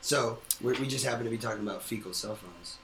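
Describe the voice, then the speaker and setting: A man's voice: medium pitch, fast talker, fairly bright tone, reverberant, slight background noise. A young man co-hosting a podcast in casual banter, laid-back and steering the topic. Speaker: podcast co-host.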